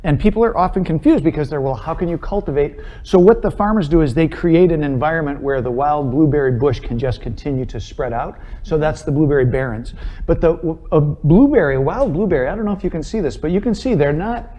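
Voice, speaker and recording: A man's voice: fairly high pitch, a little fast, dark tone, dull audio. A middle-aged man, a chef, explaining ingredients with enthusiasm on a studio kitchen set. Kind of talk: cooking demo chat.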